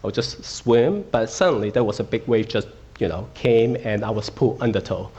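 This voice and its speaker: The muffled recording captures a lowish, mellow voice at a moderate pace. It belongs to a middle-aged Hong Kong man giving an interactive guest talk in a school auditorium, regularly quizzing the audience and saying "okay" often.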